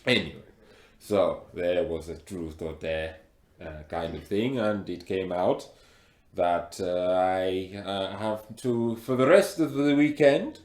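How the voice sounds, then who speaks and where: A man's voice: low-pitched, a little mellow, reverberant. A man putting on a heavy African accent. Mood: playful. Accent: African (put on). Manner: halting, many fillers and restarts.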